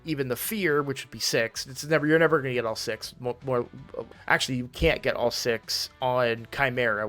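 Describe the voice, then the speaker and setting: Male gaming host at home, mid-pitch, loose and chatty, self-correcting, soft music underneath. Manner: chatty, often corrects himself mid-sentence. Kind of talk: casual commentary video. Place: room in his home.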